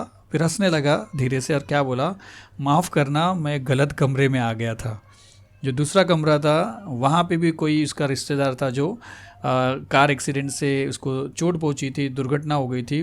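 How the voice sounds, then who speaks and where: A man teaching a school literature lesson. He explains each line again in simpler words and mixes in English words. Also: on the high side.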